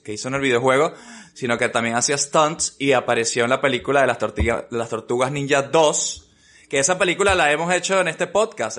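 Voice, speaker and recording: A man's voice: mid-range voice, a bit bright. Chatty middle-aged man hosting a podcast. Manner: chatty, repeats himself and seeks confirmation with tag questions. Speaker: podcast host. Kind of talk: casual podcast interview.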